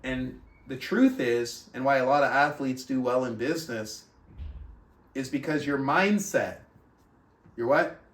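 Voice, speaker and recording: Heard from far off in an echoey room, a book club host with a mid-range voice speaks a little slowly. He reads aloud, offers motivational coaching and keeps asking his listeners rhetorical questions.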